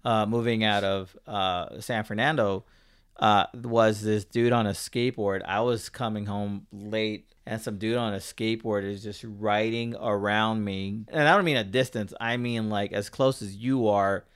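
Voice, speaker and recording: A man with a fairly low voice chats casually on a podcast. His tone is smooth and clear, and he jokes easily while hesitating now and then with ums. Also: fairly even intonation, measured pace. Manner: joking, easygoing, hesitant with ums.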